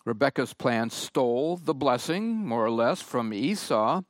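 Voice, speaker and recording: A man preaching a sermon, reading and explaining scripture in a slow, emphatic way. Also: medium pitch, animated, no echo, studio quality. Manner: slow, emphatic Bible exposition.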